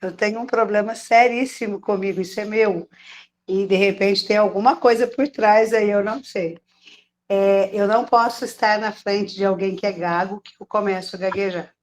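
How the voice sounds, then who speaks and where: A woman's voice: medium pitch, steady tone, normal speed. A woman with a mid-range voice speaks earnestly, starting hesitantly before she finds her footing. A faint hum sits under the recording. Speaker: therapy student. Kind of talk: group discussion.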